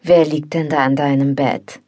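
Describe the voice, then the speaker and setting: A woman reading an audiobook, voicing a spoiled, quick-tempered young man who grumbles and scolds. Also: deep voice, flat delivery, dark tone. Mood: grumpy. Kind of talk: audiobook dialogue.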